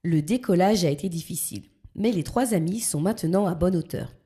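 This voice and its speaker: A woman narrating a children's story in a calm, even storytelling manner. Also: lowish voice, fairly quick, husky.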